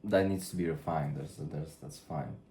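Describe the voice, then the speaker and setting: A man talking through his drawing work in a rambling way, now and then yelling toward a camera set far away. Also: extremely low pitch, moderate pace, creaky, slight background noise. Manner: musing, trails off, then loud mock drill-sergeant yelling. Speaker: artist narrating his drawing process. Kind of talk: rambling studio commentary. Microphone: far camera mic. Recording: echoey room from far off.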